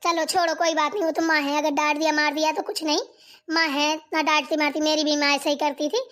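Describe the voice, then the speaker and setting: A sweet, motherly sister-in-law from a cartoon, played by a woman. She coaxes and soothes in a very high voice, talking as though to a small child. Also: flat delivery, fast talker, fairly bright tone. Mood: soothing. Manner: coaxing, talks as if to a child. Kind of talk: cartoon voice acting.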